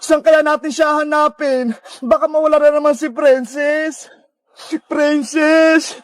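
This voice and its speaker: A cartoon voice performer calling out and shouting frantically. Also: high voice, flat delivery, normal speed. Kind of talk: cartoon voice acting.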